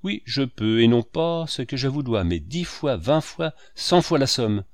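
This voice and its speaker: A man's voice: mid-range voice, animated, measured pace, no echo, studio quality, voice pushed up. Man reading a proud, pleading painter. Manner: earnest, emphatic. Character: proud, impassioned male painter, hurt and pleading.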